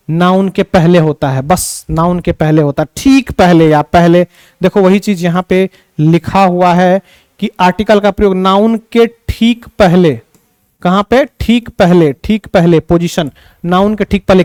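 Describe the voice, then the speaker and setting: A man teaches English grammar in an online lesson, drilling each rule through repetition and answering the questions he asks himself. His voice sits high for a man. The recording is dry and close. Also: clean tone, no echo. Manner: reads English example sentences slowly with stress.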